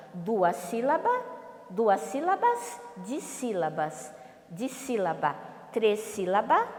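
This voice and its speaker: Woman teacher, slow and lively-pitched, asks and answers her own questions; long room reverb. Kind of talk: remote televised class lesson.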